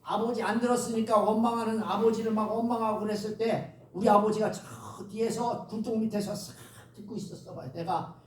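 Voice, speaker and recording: High-voiced preaching man in an echoey church. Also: fairly quick, few pauses. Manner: animated preaching with call-and-response to the congregation. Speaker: pastor. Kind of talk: sermon. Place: church sanctuary. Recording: echoey church recorded from a distance.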